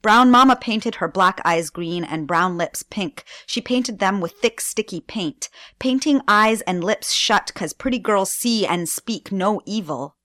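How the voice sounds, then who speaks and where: A woman guest performing spoken-word poetry on radio, with slow, deliberate delivery and dramatic pauses. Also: medium pitch, lively intonation, pushed and bright, dry recording, studio quality. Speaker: guest poet.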